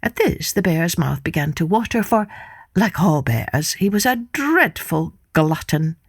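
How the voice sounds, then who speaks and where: A woman narrating a folktale for children in an expressive, measured way. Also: lowish voice, husky, no echo, studio quality. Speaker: storyteller.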